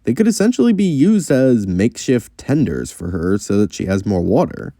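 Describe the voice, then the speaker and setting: A man's voice: medium pitch, sing-song, normal speed, warm tone, no echo, clean studio sound. A man giving casual fan commentary, thinking aloud and speculating with fillers and small restarts. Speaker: fan video creator.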